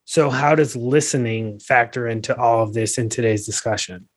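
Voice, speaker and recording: A man hosting a podcast, asking measured, polite questions and closing the show. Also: mid-range voice, breathy edge. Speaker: podcast host.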